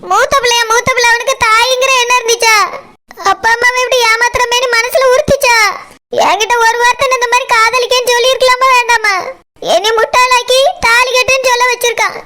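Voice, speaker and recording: A woman's voice: extremely high pitch, little pitch movement, a little fast, bright, forceful tone. A woman voicing a grieving, stubborn middle-aged village mother in a cartoon, speaking with a Tirunelveli Tamil accent in a tearful, wailing way. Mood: defiant. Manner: tearful, wailing lament, defiant. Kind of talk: cartoon voice acting.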